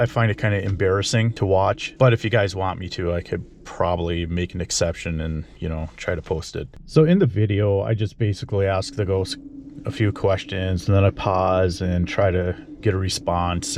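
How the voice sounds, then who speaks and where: A man's voice: deep voice, background noise. A man hosting his own channel, telling a personal story casually and bluntly, swearing freely in loose run-on sentences. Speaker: channel host.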